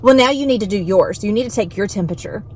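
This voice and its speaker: A woman's voice: mid-range voice, quick pace, a little mellow, a little hiss or hum, natural voice. A woman voicing a fussy, demanding woman patient as she retells a story, insistent and complaining.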